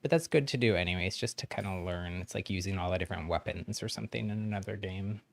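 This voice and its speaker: A low, gravelly-voiced man talks at a quick pace on his game stream. He keeps it casual and friendly, encouraging newcomers as he explains, with plenty of chuckles.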